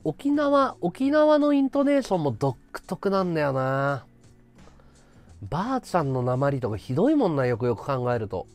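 A man from Chiba talks casually to his live-stream audience, rambling from story to story and laughing as he goes. His pitch swings widely and constantly, and faint music plays underneath. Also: moderate pace. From Chiba, Japan. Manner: rambling, animated, laughing at his own stories. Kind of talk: casual chat with viewers.

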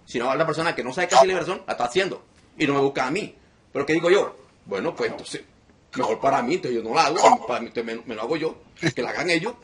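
A man's voice: medium pitch, fast talker, a little hiss or hum. A man preaching as a deliverance minister to an online group, emphatic and repeating phrases again and again.

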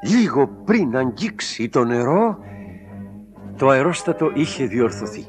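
A man reading a children's storybook aloud, with expressive, dramatic storytelling. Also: medium pitch. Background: background music.

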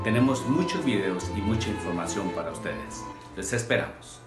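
A man's voice: on the low side, expressive, moderate pace, music in the background. Earnest, pleading man in echoey room. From Guatemala. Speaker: video appeal maker. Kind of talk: direct appeal to camera. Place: small indoor room at home. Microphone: camera in front, medium shot.

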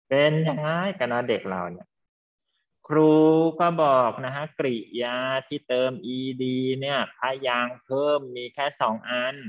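A man teaching an English class online, quizzing students and explaining slowly and patiently over a video call. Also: medium pitch. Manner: patient, drawn-out explaining, calls students "child". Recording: slightly dull lo-fi sound.

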